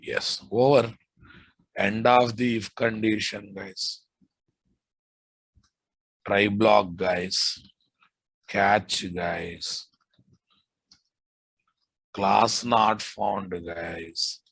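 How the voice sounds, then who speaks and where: A man's voice: fairly low pitch, steady tone, extremely slow, gravelly, long pauses, a bit bright, husky, no room sound, rough recording. A man with a Telugu Indian accent teaching a live coding lesson, dictating code with repeated phrases and informal asides to his students. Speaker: programming instructor.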